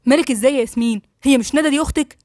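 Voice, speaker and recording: A woman's voice: sits high, racing, a little mellow, no echo, clean studio sound, close to an everyday voice. A woman with an Egyptian accent voicing a puzzled, anxious young husband who keeps pressing with questions. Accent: Egyptian Arabic. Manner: insistent questioning.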